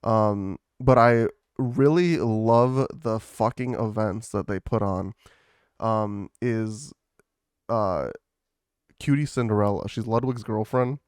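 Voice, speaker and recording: Guy rambling on a podcast, smooth clear voice, super dry close sound, says um a lot. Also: lowish voice, takes it slowly, a little mellow, dry recording. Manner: rambling, lots of fillers and swearing. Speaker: podcast co-host. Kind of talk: casual chat.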